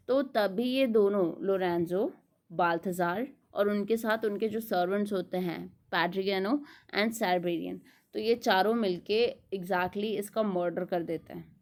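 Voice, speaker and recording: A woman with a mid-range voice gives a literature lecture for exam students. She explains in Hindi and reads English summary lines slowly and deliberately. She often asks a question and then answers it herself. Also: medium pitch, darkish tone. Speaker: literature teacher.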